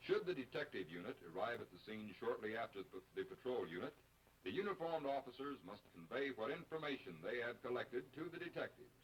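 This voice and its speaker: A man's voice: medium pitch, animated, slight background noise, poor audio. 1950s-style American male film narrator. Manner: formal, measured, instructional. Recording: vintage film soundtrack.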